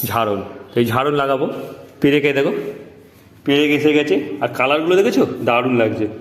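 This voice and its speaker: A man's voice: mid-range voice, expressive, brisk. A man, filming a casual family vlog at home on a phone camera, talking to viewers and repeating his questions to get answers from family. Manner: chatty, repeats himself, coaxes family for answers. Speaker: family vlogger. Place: family home indoors and around the yard. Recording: echoey rooms, faint ambient noise.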